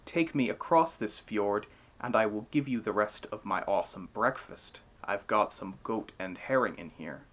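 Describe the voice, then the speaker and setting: A man's voice: on the low side, moderate pace, fairly bright tone. A man voicing a proud, hot-tempered warrior god in a myth retelling, boastful and declamatory.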